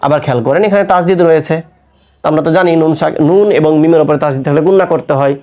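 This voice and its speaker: A man's voice: on the high side, very fast, darkish tone. Man teaching Quran recitation. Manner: asks the listener questions and answers them himself. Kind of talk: step-by-step recitation lesson.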